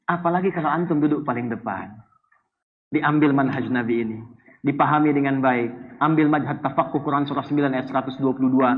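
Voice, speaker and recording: A man from Indonesia preaching a sermon, animated and playful, swinging between loud and soft. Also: fairly high pitch. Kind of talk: Islamic sermon. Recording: dull lo-fi sound.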